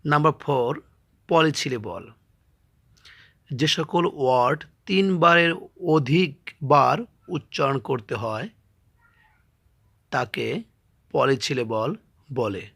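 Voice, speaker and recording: A man with a Bangladeshi accent teaching an English grammar lesson and sounding out words slowly, syllable by syllable. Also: mid-range voice, gravelly, a bit bright. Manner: slow, spells words out syllable by syllable.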